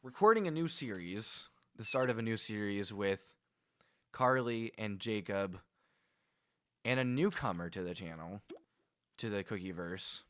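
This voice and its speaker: This streamer talks to his viewers by name while playing, chatty and rambling, with lots of laughs and restarts. His lowish voice is expressive but a little slow, broken by long pauses, and the recording is dry.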